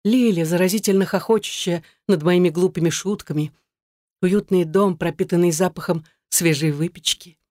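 A woman's voice: on the low side, normal speed, warm tone, dry recording, clean studio sound. A woman reading a dramatic first-person story aloud. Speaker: narrator.

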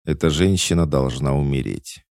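A man with a deep, gravelly voice reading the lines of a proud, jealous immortal queen who speaks coldly and commandingly. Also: moderate pace, a little mellow, dry recording, studio quality. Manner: cold, imperious, mocking.

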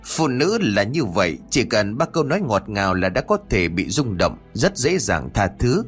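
A man reads a horror story with a low voice that rises and falls expressively. His delivery is steady and dramatic, with soft music quietly underneath. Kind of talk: scripted narration of a horror story. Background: faint music.

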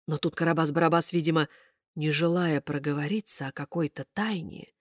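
A woman narrating a children's story in a lively, dramatic reading style. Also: deep voice, a little fast, dry recording, clean studio sound.

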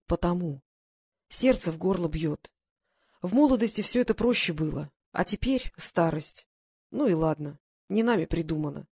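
A worn-down older man who has served hard time, as a woman reads him aloud in a storybook. He talks heavily and resignedly in a lowish voice. The sound is close and dry. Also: animated, normal speed, darkish tone, slightly rough, no room sound. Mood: weary. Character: weary aging male ex-convict father.

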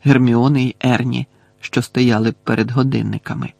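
A man reading an audiobook in a steady, expressive narrating voice. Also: mid-range voice, normal speed, gravelly, no room sound.

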